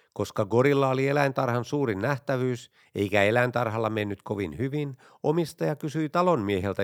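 A man reading a string of jokes in an even, deadpan storytelling manner. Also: medium pitch, dry recording, studio quality. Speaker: joke narrator. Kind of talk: scripted joke reading.

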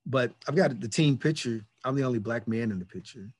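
A man's voice: medium pitch, a little fast, darkish tone, slightly rough, no echo. A man in his fifties hosting a reflective conversation, earnest and repeating key words for emphasis. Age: 50s. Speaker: podcast host.

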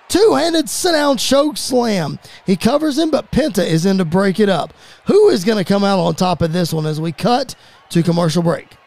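High gravelly man calling wrestling. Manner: rapid-fire call that rises to excited shouts at big moments. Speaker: play-by-play commentator. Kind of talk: fantasy wrestling commentary.

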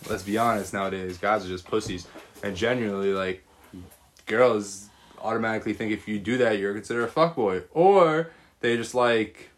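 A young man co-hosting a casual podcast chat, ranting in an animated way with lots of slang and swearing. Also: lowish voice, moderate pace, a little hiss or hum. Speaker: podcast co-host.

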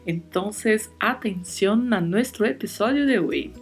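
A woman's voice: medium pitch, slow, faint music behind. A woman hosting a podcast, teaching Spanish in a careful, scripted lesson and spelling out words and sounds. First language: Portuguese.

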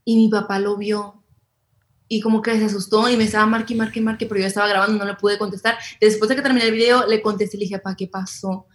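A young woman with a Mexican accent, an interview guest who tells lively stories, acting out what others said and laughing often. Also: mid-range voice, very fast. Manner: animated storyteller, acts out quotes, laughs often. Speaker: interview guest, content creator. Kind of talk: casual interview chat.

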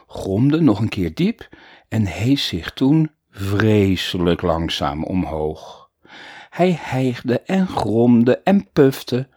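A man narrating a children's storybook in a playful, animated way. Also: on the low side, husky, no room sound, studio quality. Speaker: audiobook narrator.

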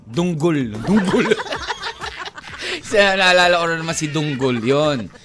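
A man co-hosting a radio show, bantering playfully, quick to deny and laugh things off. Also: fairly high pitch, music in the background. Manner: teasing, animated, quick denials and laughter. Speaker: radio DJ co-host.

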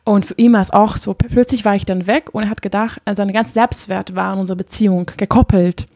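Warm-spoken woman, dry. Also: mid-range voice, steady tone, quick pace, no echo. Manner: open, emotional, chatty with frequent fillers. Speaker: podcast guest, couples therapist. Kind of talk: casual heartfelt conversation.

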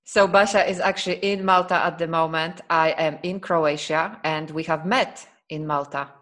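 A Polish woman hosts a casual podcast chat in a low, slightly bright voice, with fairly even intonation at a normal speed. She talks earnestly and reflectively, often breaking into laughter.

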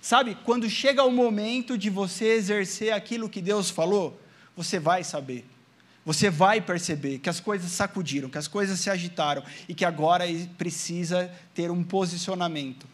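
A man from Brazil preaches to his congregation, weaving a personal testimony into the sermon. His voice sits high for a man, and he keeps addressing the listeners directly, asking them for an amen. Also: normal speed. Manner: storytelling, acting out his own past prayers and quotes. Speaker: pastor.

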